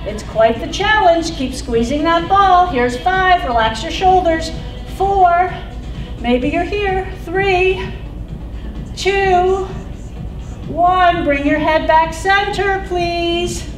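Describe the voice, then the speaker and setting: Casting: female aerobics instructor, high voice, slow deliberate cues, encouraging, middle-aged. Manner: upbeat, encouraging, counts down repetitions out loud. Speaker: fitness instructor. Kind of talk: aerobics instructor cueing a class. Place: indoor exercise studio with wooden floor. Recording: roomy, distant mic, loud background music. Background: workout music.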